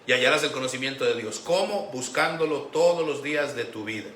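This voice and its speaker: A man preaching a Sunday sermon as pastor, animated, acting out the voices he quotes. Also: medium pitch, fairly quick. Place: church sanctuary. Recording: echoey church room with faint background noise.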